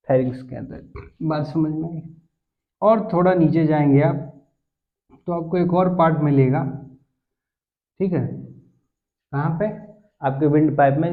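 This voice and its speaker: A man teaching biology who keeps asking his class questions, answering them himself and checking that they follow. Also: a little high. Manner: mixes English science terms into Hindi; keeps checking understanding with tag phrases. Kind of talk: classroom lecture. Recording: tinny phone-like sound.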